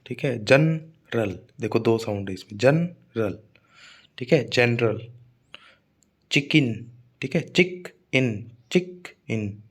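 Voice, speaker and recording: A man teaching English word stress for an exam, speaking Hindi. He repeats example words slowly and checks in with "theek hai" often, with an occasional cough. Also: mid-range voice, a little mellow.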